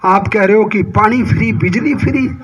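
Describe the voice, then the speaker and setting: A man with a very high, sharp voice delivers a fiery rally speech, firing rhetorical questions at the crowd and breaking into recited verse. He speaks forcefully through a stage microphone. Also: moderate pace, breathy edge, low-quality recording. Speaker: political speaker at a party workers' rally. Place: outdoor or hall rally.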